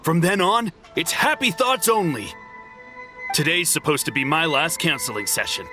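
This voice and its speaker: A man's voice: on the high side, lively intonation, moderate pace, over music, natural voice. A man playing a smug, snobbish follower of a spiritual counselor in a video game, haughty and gushing.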